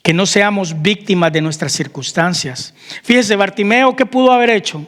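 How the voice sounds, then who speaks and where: A man's voice: sits high, normal speed, a bit bright, long reverb tail. A man preaching a sermon as pastor, asking the congregation questions and calling out amen. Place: church hall.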